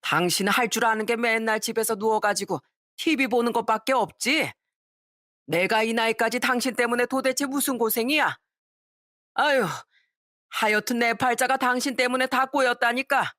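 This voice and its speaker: A woman's voice: fairly high pitch, moderate pace, no echo, clean studio sound, pitched above the performer's own voice, natural voice. A woman voicing a bad-tempered father-in-law in his sixties who berates his wife. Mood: angry scolding. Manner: scolding, berating, shouting.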